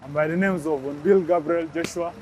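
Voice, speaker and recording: A man from South Sudan, interviewed outdoors, telling his story in an earnest, steady way. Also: on the high side, normal speed, slight background noise.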